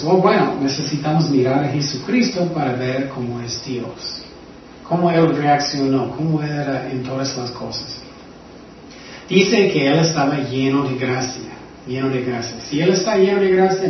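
A man leading a Bible study in a conversational way, often putting questions to his listeners and swinging between loud and soft. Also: medium pitch, a little hiss or hum. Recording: very echoey, distant, dull room recording.

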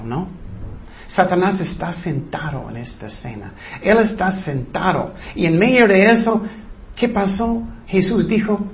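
Slow high-voiced man preaching. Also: muffled recording. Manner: asks the listeners questions, repeats phrases for emphasis. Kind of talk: sermon.

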